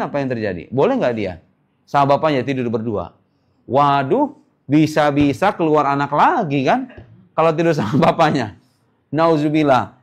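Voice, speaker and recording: A male Islamic preacher giving a casual religious lecture, quizzing listeners with rhetorical questions and jokey asides. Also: mid-range voice. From Indonesia.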